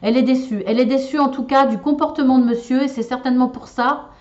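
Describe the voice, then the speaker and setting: A woman's voice: high voice, steady tone, fast talker, background noise. A woman giving a relationship card and shell reading to viewers, talking in a hesitant, casual way with many fillers and restarts. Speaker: tarot and shell reader. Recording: slightly dull lo-fi sound.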